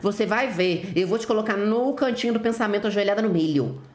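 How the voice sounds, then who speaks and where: A woman's voice: mid-range voice, fast talker, a little mellow. A woman streamer role-playing a mother and teacher in a live game, teasing and playfully threatening.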